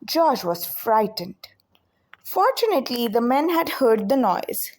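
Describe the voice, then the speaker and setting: A woman storyteller with a slightly high voice reads a children's picture book aloud, expressive and deliberate.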